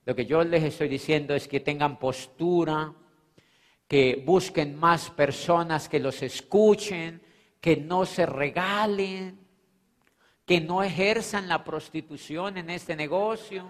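A man giving an animated, emphatic motivational talk, repeating phrases and checking in with his audience. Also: a little high, slow pace. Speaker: motivational speaker. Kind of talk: live motivational seminar talk. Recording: long hall reverb.

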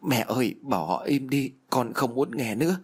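A man voicing a terrified little girl who pleads in a shrill voice. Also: lively intonation, normal speed, close to an everyday voice. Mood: tearful.

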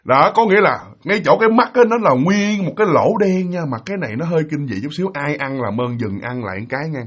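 A man with a Southern Vietnamese accent narrates a ghost story with vivid, dramatic delivery. His voice is husky and sits a little high. He swings widely through his range as he builds the scares. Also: expressive, fast talker.

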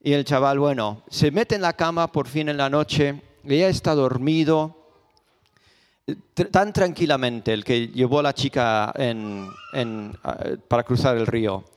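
Preacher in an echoey hall. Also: male voice, mid-range voice, measured pace. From Spain. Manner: storytelling, rhetorical questions, repetition. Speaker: pastor. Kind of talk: sermon. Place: church hall.

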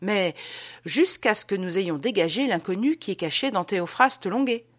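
A woman's voice: mid-range voice, expressive, normal speed, no echo, close to an everyday voice. A woman reading the part of a pompous man who lectures with emphatic rhetorical questions.

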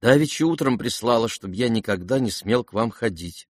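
A man voicing a meek, gentle young prince who speaks mildly and patiently in an audiobook. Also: mid-range voice, lively intonation, moderate pace, no echo, studio quality, lightly acted. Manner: mild, patient, earnest. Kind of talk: audiobook character voice.

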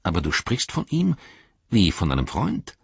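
A man voicing a blunt, gruff dwarf warrior in an audiobook, pitched up from his own low voice. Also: wildly swooping pitch, moderate pace, no echo, lo-fi sound, heavily acted.

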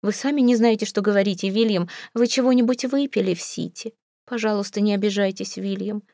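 A woman's voice: medium pitch, fairly even intonation, a little fast, mellow, no room sound, natural voice. Fretful, tearful older mother-in-law in an audiobook, read by a woman, sighing and plaintive, close and dry. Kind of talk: audiobook character reading.

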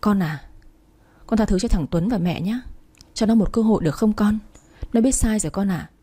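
A woman's voice: medium pitch, moderate pace, warm tone, breathy edge, natural voice. Woman playing a weeping, begging older mother-in-law. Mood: pleading. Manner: pleading, weeping.

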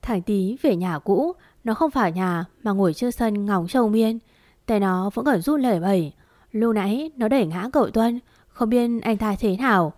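A woman reading a romance story aloud as narrator, in a steady, measured way. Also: medium pitch, no room sound, clean studio sound.

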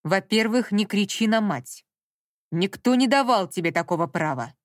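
A woman voicing a domineering, guilt-tripping middle-aged mother who talks down slowly and scolds, in a dry audiobook reading. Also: mid-range voice, lively intonation, no echo, natural voice. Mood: threatening. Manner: slow, scolding and condescending.

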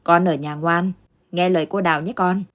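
A woman's voice: lowish voice, steady tone, normal speed, close to an everyday voice. A woman voicing a middle-aged father who grumbles and scolds in a storybook tale. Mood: grumbling.

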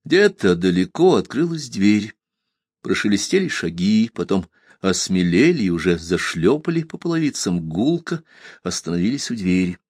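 Low male audiobook narrator, expressive dramatic reading, dry close sound. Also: moderate pace, husky, dry recording.

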